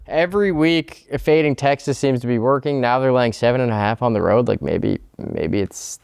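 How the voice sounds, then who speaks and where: A man's voice: medium pitch, moderate pace, gravelly, a little mellow, clean tone, dry recording. A man co-hosting a casual sports betting podcast, ribbing his partner with dry teasing banter.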